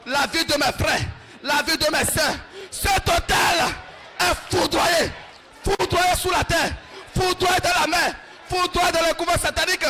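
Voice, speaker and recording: A male pastor leading a shouted deliverance prayer, fervently repeating short commands over and over. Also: extremely high pitch.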